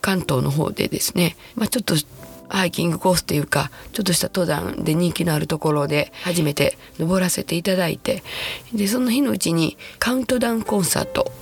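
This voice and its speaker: A woman in her sixties with a Kansai accent, hoarse and husky from a throat cold, chatting casually and self-deprecatingly as a podcast host. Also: lowish voice, soft background music. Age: 60s. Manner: chatty, self-deprecating, slows to a soft hush at times. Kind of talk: casual solo podcast talk.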